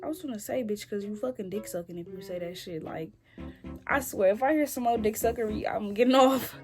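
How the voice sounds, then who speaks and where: A woman's voice: medium pitch, a little fast. A young woman chatting casually on video with strangers, blunt, slangy and full of swearing. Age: young adult. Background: music.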